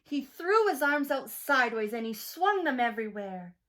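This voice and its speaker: A woman teacher reading a rhyming picture book aloud to children, slow and expressive. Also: high voice.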